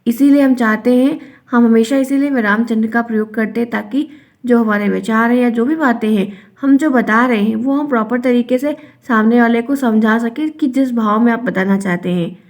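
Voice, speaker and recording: A woman's voice: on the high side, moderate pace. A young woman teaching an online Hindi grammar lesson, explaining patiently and repeating key phrases. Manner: explains by repeating, acts out example sentences.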